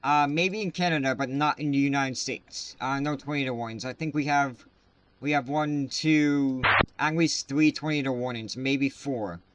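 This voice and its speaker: A man runs a live severe weather stream from his desk mic. His delivery is casual and halting, full of filler sounds, at an ordinary mid pitch. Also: fairly even intonation, slight background noise. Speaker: livestream weather host.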